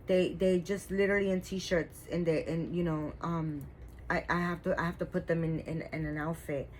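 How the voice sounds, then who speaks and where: A woman's voice: fairly low pitch, steady tone, moderate pace, a little mellow, slight background noise, low-quality recording. Rambling chatty woman in her fifties. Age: 50s. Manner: rambling, full of fillers and restarts. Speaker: doll collector vlogger. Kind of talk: casual chat to viewers.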